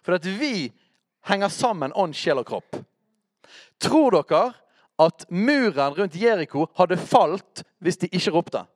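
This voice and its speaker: Speaking straight to his audience and checking in with quick questions, a man preaches a conversational teaching sermon. His voice is high and animated, captured in a dry, studio-quality recording.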